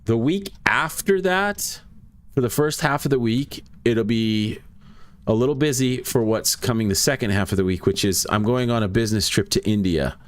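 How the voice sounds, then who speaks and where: A young adult man casually chatting with viewers while playing a ghost-hunting game, rambling between gameplay notes. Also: on the low side. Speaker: streamer. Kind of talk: casual gaming commentary.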